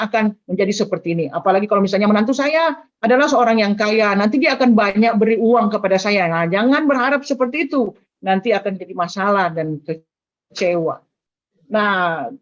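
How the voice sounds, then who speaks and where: Older woman, grandmother, earnest advice, teaching talk, fillers, dull lo-fi recording. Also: mid-range voice. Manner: earnest, advising, with frequent "nah" and "eh" fillers. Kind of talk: teaching talk on family life. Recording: dull lo-fi sound.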